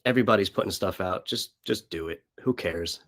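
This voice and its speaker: Hoarse man in his late thirties, low-pitched. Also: brisk, fairly bright tone, no echo, clean studio sound. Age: late 30s. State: voice worn out from gigging. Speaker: musician guest. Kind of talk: casual interview chat.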